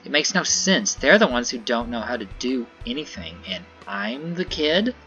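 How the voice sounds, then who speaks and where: A man's voice: medium pitch, expressive, normal speed, sharp tone, dull audio, soft background music. A man voicing a sulky rude teenage boy. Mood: sulky ranting. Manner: whiny complaining tone. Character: sulky rude teen boy who rants.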